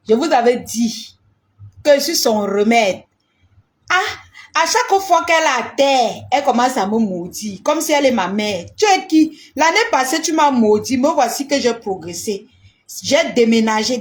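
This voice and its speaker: A woman ranting defiantly in a live stream, boastful and repetitive, rising into shouts. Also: fairly high pitch.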